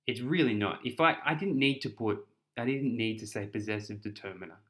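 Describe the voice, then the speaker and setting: A man's voice: on the low side, brisk, fairly bright tone. A young man with an Australian accent explains an essay in a chatty, casual tutoring style, often repeating words and restarting.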